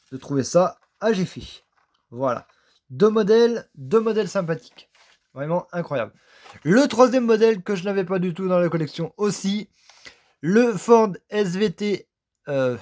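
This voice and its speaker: A man chats about his model car collection in a casual, eager way. He hesitates often and stacks repeated intensifiers. His voice sits a little higher than most men's. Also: darkish tone. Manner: enthusiastic, repeats "très" over and over, halting with many "euh". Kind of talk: casual unboxing commentary.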